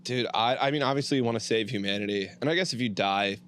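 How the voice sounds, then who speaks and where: A man's voice: medium pitch, quick pace, a bit bright, smooth. A man filling in as co-host, chatting casually and loosely, full of "dude" and "like". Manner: laid-back, lots of "dude" and "like". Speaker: guest co-host, producer. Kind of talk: casual chat.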